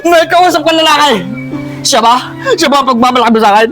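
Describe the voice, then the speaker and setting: A man's voice: very high voice, fast, fairly bright tone, soft background music. Man doing a jealous, boastful rich suitor. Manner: dramatic, ranting, theatrical.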